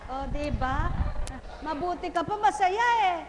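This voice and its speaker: A woman's voice: very high voice, expressive, unhurried, long reverb tail, crowd noise. A woman faith healer at a live healing session, teasing and questioning a patient with short, repeated questions.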